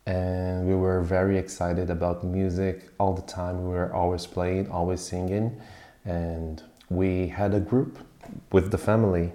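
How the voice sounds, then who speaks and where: Male musician guest, very low and mellow voice, reflective, recorded in an echoey room. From Brazil. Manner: unhurried, thoughtful, pauses with fillers. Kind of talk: interview answers, reflective storytelling.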